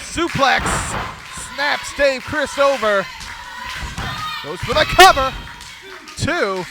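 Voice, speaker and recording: A man doing excited live wrestling play-by-play as a commentator, often breaking into exclamations and shouts. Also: very high voice, takes it slowly, creaky, over music. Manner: exclamatory, shouting at the big moves.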